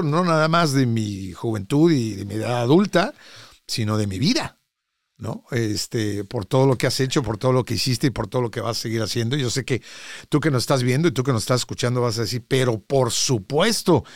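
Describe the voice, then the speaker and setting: A middle-aged man with a Mexican accent hosts the interview in a mid-pitched voice. He talks effusively and animatedly, leaning on fillers. The recording is close and dry. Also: normal speed, dry recording. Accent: Mexican Spanish. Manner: effusive, animated, lots of "este" and laughter. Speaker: interviewer, host. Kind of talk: warm chatty interview.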